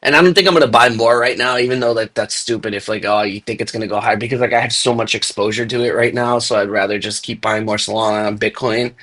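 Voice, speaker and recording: A man's voice: fairly low pitch, steady tone, quick pace, few pauses, a bit bright. A young man hosting a casual crypto chat, laid-back and filling his talk with "dude" and "like". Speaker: podcast host.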